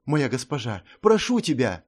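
A man's voice: mid-range voice, sing-song, moderate pace, darkish tone, slightly rough. A man voicing an earnest young lord who speaks eagerly and with agitation. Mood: pleading.

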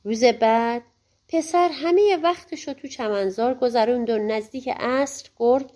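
A woman narrating a fairy-tale audiobook in a gentle, colloquial storytelling manner. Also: on the high side.

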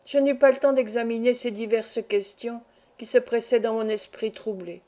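A woman reading a classic novel aloud as an audiobook, in steady, measured storytelling. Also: fairly high pitch. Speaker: audiobook reader. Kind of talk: scripted narration of a novel.

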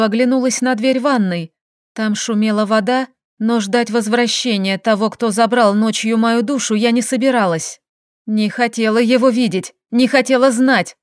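A woman narrating a first-person audiobook in a measured, steady storytelling manner. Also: fairly high pitch, no echo, clean studio sound.

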